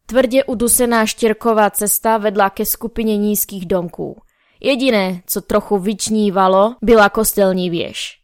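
A woman reading a novel aloud as first-person narrator, in a measured, wry storytelling manner, close to the mic. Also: mid-range voice, steady tone, dry recording. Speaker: audiobook narrator.

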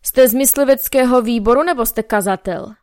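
A woman voicing a short, cheerful man who asks polite but nosy questions, in a smooth, clear voice. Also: fairly high pitch, darkish tone, no room sound, clean studio sound, lightly acted. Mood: curious. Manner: friendly, politely inquisitive.

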